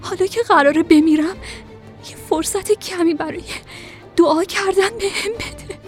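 A desperate young wife from a storybook, voiced by a woman. Her voice sits very high and trembles with pleading and tears. Faint music plays beneath her. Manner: pleading, tearful. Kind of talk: storybook reading.

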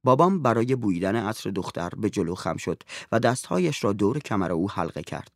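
Expressive male story narrator. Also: fairly low pitch, dry recording, clean studio sound.

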